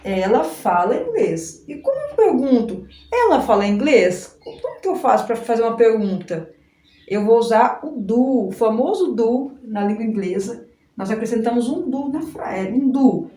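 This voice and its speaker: A woman from Brazil teaching an informal English lesson. She explains slowly, repeats herself and often adds little checks like "right?" and "look". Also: fairly high pitch, very animated, warm tone. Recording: echoey room with faint noise.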